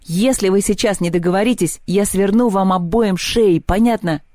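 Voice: mid-range voice, moderate pace, darkish tone, no echo, studio quality, voice pushed up, natural voice. Чтец изображает крепкого грубоватого парня, угрожающего, тёплый голос. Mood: threatening. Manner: threatening, gruff. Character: tough burly boy.

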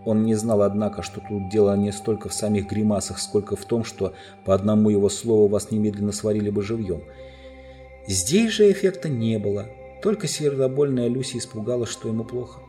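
A man narrating a storybook with an expressive reading voice. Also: on the low side, brisk. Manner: expressive reading, lively tempo. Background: faint music.

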